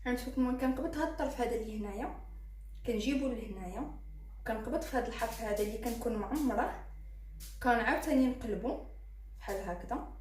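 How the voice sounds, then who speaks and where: A woman's voice: a little high, a little mellow, echoey room, slight background noise. A woman with a Moroccan Arabic accent hosting a cooking tutorial, talking viewers through each fold as she works. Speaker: cooking channel host.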